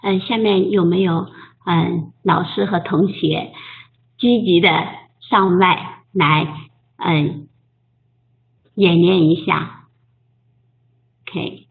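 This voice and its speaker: Slow-spoken woman teacher on a tinny line. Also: on the low side, fairly even intonation, vocal fry. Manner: patient, coaching, models sounds slowly. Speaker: English pronunciation teacher. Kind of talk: online group lesson. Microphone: voice chat.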